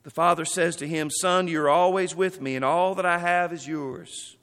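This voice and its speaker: A man's voice: on the high side, fairly even intonation, normal speed, a bit bright, in a large hall. A man preaching a sermon. He reads scripture passages aloud and then explains them.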